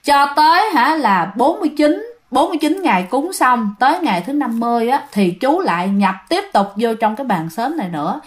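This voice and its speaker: A woman's voice: sits high, very animated, brisk. A woman telling a ghost story in a chatty way, often turning to speak to her listeners. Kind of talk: storytelling narration.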